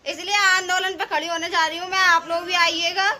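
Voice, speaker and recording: A woman's voice: extremely high pitch, flat delivery, brisk, sharp tone. A young woman, chatting casually and teasingly in a home vlog. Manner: chatty, teasing, laughs often. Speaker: vlogger. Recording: noisy home recording.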